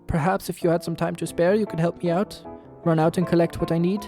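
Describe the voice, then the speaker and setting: A man's voice: level tone, a little fast, over music, close to an everyday voice. A man voicing an eccentric, scheming male inventor in a put-on German accent, raised and theatrical. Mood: pleading. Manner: theatrical, higher than his own voice. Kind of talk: reading game dialogue aloud.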